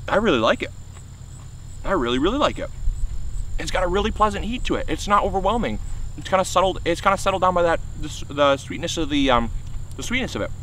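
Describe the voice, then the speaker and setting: A man's voice: sits high, lively intonation, fast, fairly bright tone, a little hiss or hum, poor audio. A man hosting a gardening vlog outdoors, talking with his mouth full in a chatty, enthusiastic way. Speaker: gardening channel host. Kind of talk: casual vlog.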